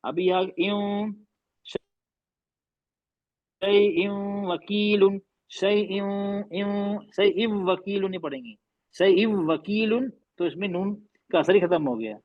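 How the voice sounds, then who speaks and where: Man, recitation teacher, high-pitched, patient, repeats words slowly, dry muffled recording. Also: no room sound. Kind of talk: tajweed class explanation.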